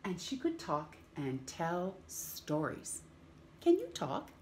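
Reading a picture book to young children, this middle-aged woman plays storytime host from a small room at home. She speaks slowly in a fairly low voice with huge pitch swings, stretching words theatrically and questioning her audience. There is slight background noise.

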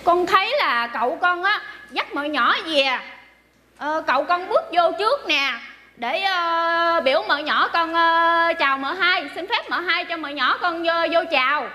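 A woman's voice: very high-pitched, lively intonation, a little slow, pushed and bright, heavily acted. A woman playing a young, chatty servant who is testifying loyally for her mistress, rambling and hesitating with many fillers. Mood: earnest, gossipy. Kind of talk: stage comedy skit.

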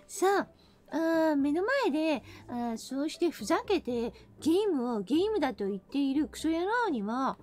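A woman from the American South giving a casual live-streamed English lesson, playful and breaking into mock-angry rough slang. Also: sits high, sing-song, normal speed, darkish tone.

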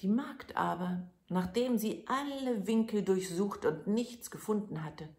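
A woman storyteller reads a fairy tale in a calm, measured way. She takes her time, and a gravelly fry sits in her lowish voice. The reading echoes in the room.

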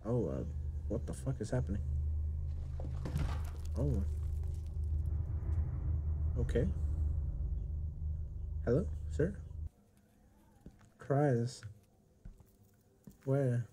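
A young man commentating on a horror game with jumpy, profane reactions and loud outbursts. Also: medium pitch, very slow, long pauses, noisy background. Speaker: gaming YouTuber.

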